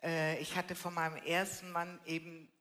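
A woman's voice: fairly low pitch, level tone, moderate pace, fairly bright tone. An older woman with a blunt, colloquial manner, telling her life story in a casual interview and often tagging her sentences with "ne". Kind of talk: personal testimony in a casual interview. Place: live church event with audience.

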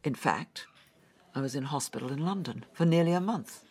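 An actress voicing a traumatized woman recounting a brutal attack, halting and often dropping into whispers, in an audio drama. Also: low voice, animated, a little mellow, husky. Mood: distressed.

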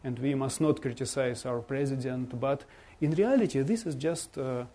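A man from Russia with a Russian accent gives an informal slideshow talk as a visiting bishop, speaking halting non-native English and searching for words. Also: medium pitch, mellow. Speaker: bishop giving a guest presentation.

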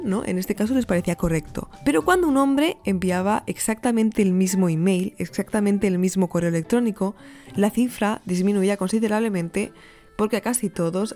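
A woman's voice: medium pitch, dark tone. A young woman with a Spain Spanish accent hosting a podcast, chatty and emphatic, with playful self-mocking asides. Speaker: podcast host. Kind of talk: chatty scripted podcast monologue. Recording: faint music behind the voice.

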